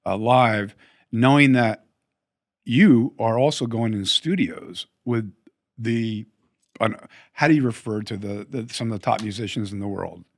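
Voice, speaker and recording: A man hosting a casual interview, enthusiastic and quick to affirm his guest. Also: on the low side, no room sound, studio quality. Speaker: podcast host.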